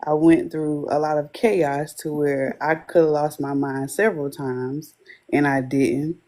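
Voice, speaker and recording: A woman's voice: deep voice, flat delivery, measured pace, mellow. A woman who coaches wives of addicts, giving an earnest, faith-filled testimony as an interview guest.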